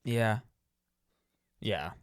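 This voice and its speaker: A man's voice: lowish voice, extremely slow, clear, resonant tone, clean studio sound. A man co-hosting a casual podcast who eagerly chimes in and echoes his partner. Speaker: podcast co-host. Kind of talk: casual chat.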